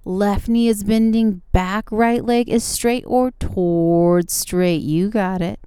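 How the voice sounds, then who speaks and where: Female yoga teacher, encouraging step-by-step instruction, exceptionally clear tone, close dry sound. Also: medium pitch, slow, mellow, no room sound. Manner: encouraging, short step-by-step cues. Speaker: yoga instructor and show host. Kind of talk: guided yoga class instruction.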